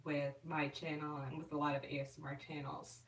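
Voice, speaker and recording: A woman's voice: deep voice, little pitch movement, brisk. Roomy chatty woman answering live chat. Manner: chatty, reads and answers comments, frequent laughs and fillers. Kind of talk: casual live-stream chat. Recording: roomy and distant from the mic.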